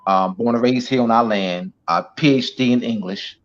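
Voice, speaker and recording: This guest speaker talks at a normal speed in a mid-range voice during a teaching talk on an online show. He is emphatic, repeats himself, and says "you know" frequently, in dull, lo-fi sound.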